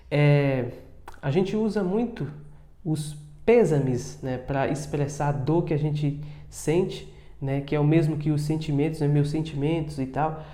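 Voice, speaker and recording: A man teaching English in a casual video lesson, chatting and repeating words slowly, often checking with short tags. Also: fairly high pitch, dark tone, echoey room.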